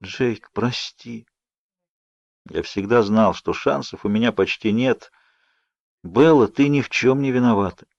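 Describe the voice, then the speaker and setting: Storybook role: man reading a wounded, gently teasing young man, low and subdued, lo-fi. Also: a little slow, vocal fry, pauses often, no room sound. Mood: tender. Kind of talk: audiobook reading. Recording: dull lo-fi audio.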